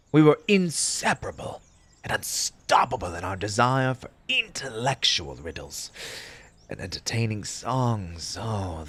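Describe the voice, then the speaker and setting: A slow-speaking, grieving hare of a gentleman, acted by a man, on the low side in pitch. He is eccentric and courtly, with formal, theatrical phrasing that halts with emotion, as in an intimate roleplay drama. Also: breathy edge, exaggerated voice. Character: grieving March Hare, mannered, eccentric tea-party gentleman. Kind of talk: ASMR roleplay character monologue.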